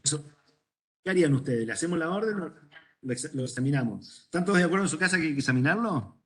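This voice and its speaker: A man's voice: a little high, expressive, quick pace. A middle-aged man with a Rioplatense Spanish accent, an ENT doctor lecturing medical students, asking the class questions and telling stories from his practice. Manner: conversational, asks the class questions, tells anecdotes.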